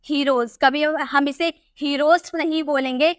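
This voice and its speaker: A woman's voice: sits high, measured pace, fairly bright tone, dry recording, studio quality. A woman teaching English pronunciation rules step by step, repeating words and quizzing the viewer. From India.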